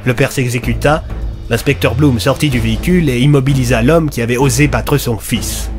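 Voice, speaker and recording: Male narrator, scripted audio story, steady, mid-pitched, quiet music bed. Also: a little fast.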